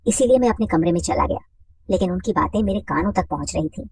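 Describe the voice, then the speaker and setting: Give me a woman narrating a story, husky and expressive, dry distant sound. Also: on the low side, fast talker, no room sound.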